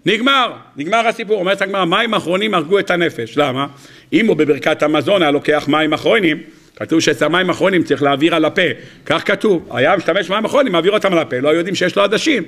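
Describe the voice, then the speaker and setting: A man's voice: sits high, fairly bright tone. A man, a rabbi, giving a sermon that retells a comic story, acting out the dialogue and laughing at his own jokes.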